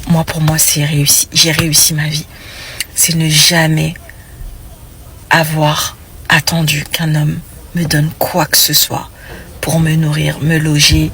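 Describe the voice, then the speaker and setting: A woman's voice: low voice, fairly bright tone. A woman around thirty speaking emphatically to camera, repeating herself as she makes her point. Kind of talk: casual talk to camera.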